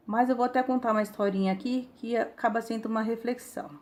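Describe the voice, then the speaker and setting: A woman's voice: fairly high pitch, fairly even intonation, quick pace, darkish tone. A woman with a Brazilian Portuguese accent giving a reflective spiritist lecture, teaching and reading passages aloud. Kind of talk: recorded religious talk.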